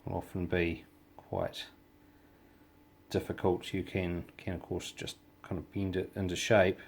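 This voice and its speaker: A man with a New Zealand accent talks through a hands-on hobby tutorial. His voice is very deep, with plenty of gravelly creak. The delivery is casual and halting, as he works out his phrases while demonstrating. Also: level tone. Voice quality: gravelly, low voice.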